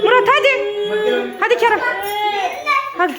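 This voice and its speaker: A woman in her thirties, a mother scolding her children and repeating quick commands in a family vlog. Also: very high-pitched, very noisy.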